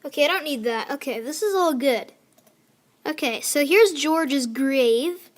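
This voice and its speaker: A woman's voice: high-pitched, expressive, measured pace. A young girl chatting casually as she plays a video game, scolding her villagers and narrating what she builds. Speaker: gamer. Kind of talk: casual gameplay commentary. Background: faint music from a clarinet.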